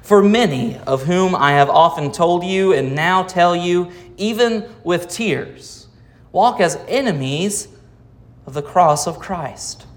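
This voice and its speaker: An American man, a pastor, preaching a sermon with dramatic pauses and rhetorical questions. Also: high-pitched. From United States.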